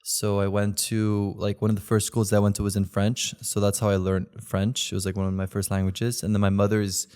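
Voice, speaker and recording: Low-voiced young man, rambling casually. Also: monotone, fairly quick, hardly any pauses, darkish tone, clear, resonant tone. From Belgium. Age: 20s. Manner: rambling, heavy use of "like" fillers. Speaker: guest, content creator. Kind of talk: casual interview chat.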